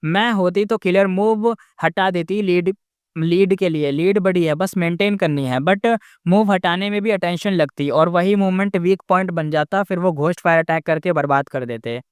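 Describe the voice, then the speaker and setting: A man reading the lines of a serious female commentator who explains the contest in a calm, matter-of-fact way. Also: high-pitched, normal speed, clear, resonant tone, no room sound, clean studio sound, natural voice. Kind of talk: casual story retelling.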